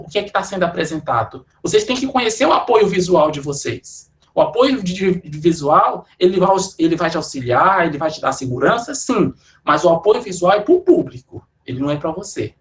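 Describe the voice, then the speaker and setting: A middle-aged Brazilian man giving a lecture to students, speaking conversationally and often tagging his sentences with quick checks and restarts. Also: sits high. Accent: Brazilian Portuguese. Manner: conversational, frequent "né" tags and restarts. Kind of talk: academic talk to students.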